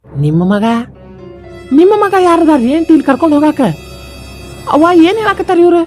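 Woman playing a puzzled young wife, questioning, North Karnataka accent, very high voice. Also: sing-song, brisk, darkish tone, soft background music. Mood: bewildered. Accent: North Karnataka Kannada. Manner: questioning, bewildered.

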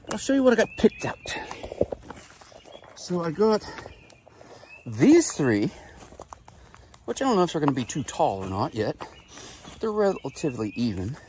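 A man's voice: a little high, sing-song, normal speed, long pauses, a little mellow, slight background noise. A man filming a casual gardening vlog outdoors in the woods and garden, chatty and rambling, poking fun at himself. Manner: chatty, rambling, self-deprecating. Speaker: gardening vlogger.

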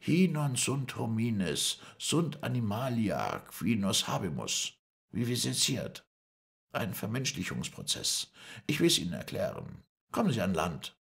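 A man's voice: on the low side, wildly swooping pitch, gravelly, a bit bright, pitched above the performer's own voice, heavily acted. A man reading an audiobook, voicing a cold, commanding older male scientist who speaks firmly and persuasively. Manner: firm, measured, persuasive. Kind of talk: audiobook character voice.

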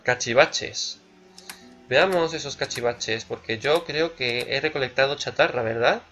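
A man's voice: medium pitch, measured pace, sharp tone, faint music behind. A man giving casual, playful let's play commentary, musing aloud and repeating words. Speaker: gamer, let's play host.

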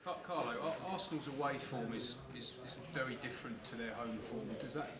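A man's voice: mid-range voice, brisk, a loud crowd. A male reporter puts plain, direct questions to a manager from across a crowded room. His voice is picked up from far off and the room echoes around him. Other reporters murmur behind him. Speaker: journalist. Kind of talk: press conference question.

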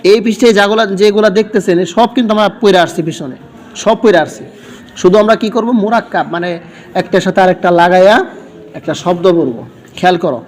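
High-voiced man teaching Quran reading. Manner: asks questions and leaves the last word for students to finish; sounds out Arabic letters and syllables slowly.

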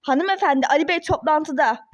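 A woman's voice: high voice, brisk, highs cut off, natural voice. A woman voicing a polite, formal office secretary who placates an angry visitor in a toy-game role-play drama. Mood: placating.

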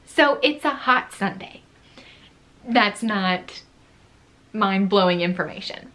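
A woman's voice: mid-range voice, a bit bright. A young woman vlogger casually telling a story to camera, chatty and full of "like", laughing often. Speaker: vlogger, former theme park food worker.

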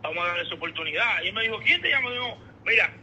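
A Dominican man on a casual phone call sounds tinny and muffled through a speakerphone, with slight background noise. His high voice is expressive, racing, pushed and bright as he explains himself hesitantly and repeats words.

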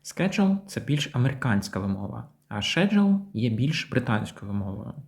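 A man giving a language lesson, saying example words slowly and clearly and repeating them. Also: lowish voice, a little mellow. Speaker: English teacher.

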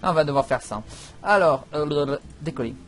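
Excitable gamer, higher-pitched man, casual play-by-play with loud outbursts and cursing. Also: moderate pace, faint music behind. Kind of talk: casual gameplay commentary.

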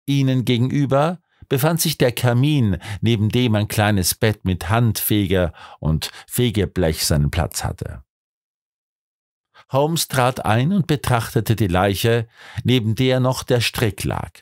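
A man narrating a detective audiobook in an expressive storytelling manner. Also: medium pitch, takes it slowly, dry recording, studio quality. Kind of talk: scripted narration.

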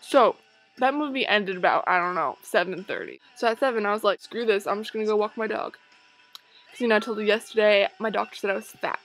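A woman's voice: mid-range voice, a bit bright, rough recording. A young woman vlogging in a hyper, rambling way, tired and easily sidetracked. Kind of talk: casual vlog chat.

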